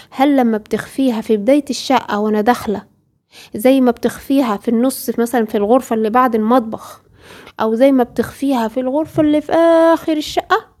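A woman's voice: on the high side, a little mellow. A woman with an Egyptian Arabic accent teaching tajweed, explaining patiently and asking her female student rhetorical questions. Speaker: Quran recitation teacher. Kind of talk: tajweed lesson.

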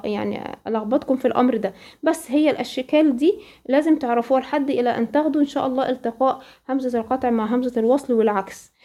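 A woman with an Egyptian accent teaching a Quran recitation lesson, asking questions and then answering them, and slowly reciting the examples. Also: high-pitched, warm tone, lo-fi sound. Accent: Egyptian Arabic. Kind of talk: tajweed lesson.

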